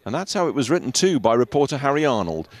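A man's voice: mid-range voice, sing-song, quick pace, darkish tone. A man reading scripted narration as a television news reporter.

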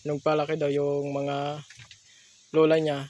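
A Filipino vlogger whose missing front teeth slightly slur his speech talks casually to viewers and interviews a family and a host on camera in an open rural shelter. His mid-range voice is warm but completely flat and slow, with slight background noise.

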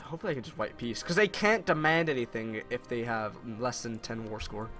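Over quiet game music, a young man with a Canadian English accent keeps up casual banter while playing a strategy game with a partner. He talks briskly in a slightly bright, mid-range voice, ribbing his teammate and chuckling at his own humor.

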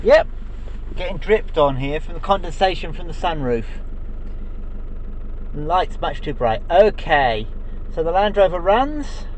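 Middle-aged man, slightly high voice, unhurried dry vlog commentary on a handheld cam over a soft idling engine. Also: a little hiss or hum. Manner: dry, understated remarks. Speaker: vlogger. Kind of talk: casual running commentary. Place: inside a car and outdoors by it. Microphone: handheld action camera. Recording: faint engine idle behind.

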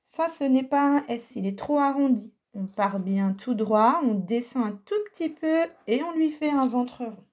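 A woman teaching a recorded lesson for young children, speaking slowly and patiently and carefully sounding out letters. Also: a little high, darkish tone. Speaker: primary school teacher.

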